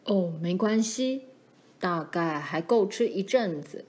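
A woman voicing a protective pioneer father who speaks firmly and gravely to his daughters. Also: lowish voice, animated, slow, a little mellow. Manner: firm and warning, grows grave.

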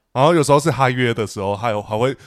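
A man with a Taiwanese Mandarin accent, chatting casually as a podcast co-host. His pitch jumps around as he teases and complains, climbing high when he jokes. The sound is dry and close, with no room around it. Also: very animated, a little fast, no echo. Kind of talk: casual chat.

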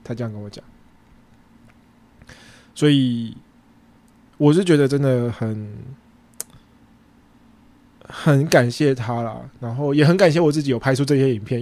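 A man with a Taiwanese Mandarin accent talks through a story in a loose, chatty monologue. His pitch sits in an ordinary middle range but leaps up when he acts out the tense moments. He talks like a small business owner hosting his own podcast. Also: brisk, pauses often, darkish tone, no echo. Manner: chatty, retells scenes with quoted dialogue and sudden jumps in pitch. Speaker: podcast host and food truck owner.

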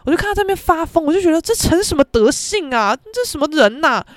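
A young woman with a Taiwanese Mandarin accent, hosting a podcast and telling a story in an animated, exasperated way. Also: high voice, quick pace, dry recording. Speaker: podcast host. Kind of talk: casual storytelling.

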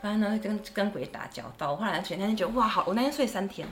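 A woman's voice: mid-range voice, quick pace, faint music behind. A woman, a guest telling ghost stories in casual chat and acting out the voices she quotes. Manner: animated, acts out quoted voices. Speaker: guest storyteller.

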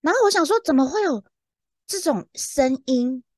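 A woman's voice: high voice, expressive, normal speed, darkish tone, no echo, studio quality. A young woman telling a story in casual podcast chat, laughing and acting out the dialogue she retells. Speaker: podcast co-host.

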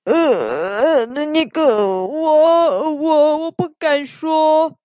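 Woman as a tearful stammering kid in a storybook tale, high and dull-sounding. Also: extremely slow, mellow, dry recording. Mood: sobbing. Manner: stammering through tears. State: crying. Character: scared sobbing young pupil.

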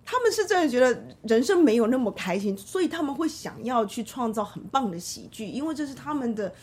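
A woman's voice: fairly high pitch, sing-song, fairly quick, slightly rough. A woman with a Taiwanese Mandarin accent hosting an interview as a public radio host, talking conversationally to guest and listeners.

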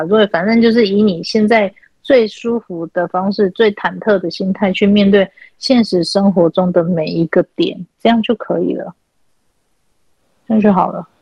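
Woman in her 30s, host, casual chat, lively storytelling, dry close sound. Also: mid-range voice, creaky, no room sound, lo-fi sound. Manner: animated storytelling, laughs often. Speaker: host of online chat room. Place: at home.

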